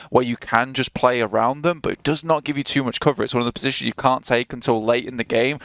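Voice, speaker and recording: A man's voice: mid-range voice, a bit bright, no echo. A man giving live esports commentary, chatty analysis with frequent restarts. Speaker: esports caster.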